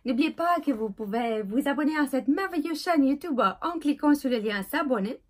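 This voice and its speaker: A woman's voice: fairly high pitch, darkish tone. A woman teacher giving a casual video lesson, hesitant with fillers and checking in with "ok?" after nearly every phrase. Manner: hesitant, with many filler sounds. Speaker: English teacher.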